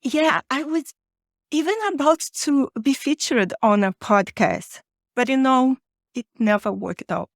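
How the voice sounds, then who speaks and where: A high-pitched woman's voice moves at a measured pace in clean studio sound with no echo. The speaker, an author and podcaster from Rio de Janeiro, Brazil, is a native Portuguese speaker with a Brazilian accent, chatting as a guest in an interview.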